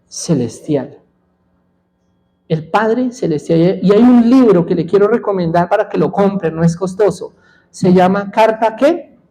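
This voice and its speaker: A male pastor preaching a sermon in a church, with a high-pitched voice for a man. His tone is mellow and soft-edged rather than bright. He asks the congregation questions and leaves gaps for them to call back the answers. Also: low-quality recording. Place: church sanctuary.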